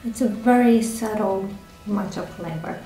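With a medium-pitched voice, a food vlogger chats slowly and casually to camera while reviewing something to eat. She keeps a relaxed tone, full of fillers and restarts, in a small echoey indoor room with faint music.

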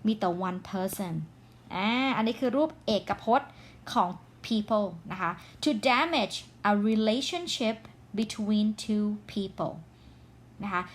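A woman teaching English phrasal verbs in Thai with a Thai accent, reading English examples slowly and carefully. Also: a little high, expressive. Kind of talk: online grammar lesson.

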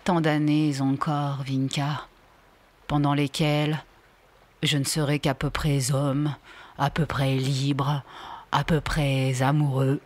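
Woman reading as a moody teen boy, all drama and impatience, breathy voice. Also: a bass voice, little pitch movement, slow pace, a little mellow, full character voice. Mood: lamenting. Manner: exasperated, melodramatic.

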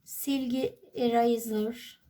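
A woman's voice: a little high, fairly even intonation, takes it slowly, warm tone. A woman teacher with a Turkish accent, walking through an exam step by step and answering her own questions. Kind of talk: exam walkthrough lesson.

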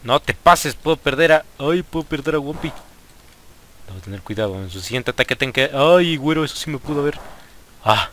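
Young man, Mexican accent, bright voice, excitable gaming commentary, faint background noise. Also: medium pitch, brisk. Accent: Mexican Spanish. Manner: excitable, frequent exclamations at the game. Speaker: gaming youtuber. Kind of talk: casual let's play commentary.

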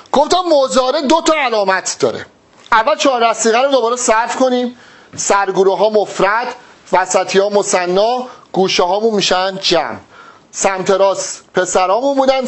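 Male teacher, exam-prep classroom lesson, lively high voice, explains step by step. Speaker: Arabic teacher.

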